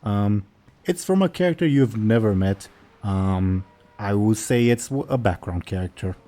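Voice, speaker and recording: A man's voice: on the low side, expressive, moderate pace, warm tone. A man running a tabletop role-playing game as game master, narrating casually and putting questions to the players.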